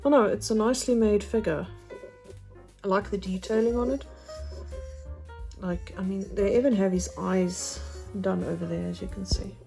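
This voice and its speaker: Casual woman vlogger, mid pitch, halting chatty delivery over music. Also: steady tone, vocal fry, warm tone. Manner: chatty, hesitant, with many fillers. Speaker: craft vlogger. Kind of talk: casual unboxing chat.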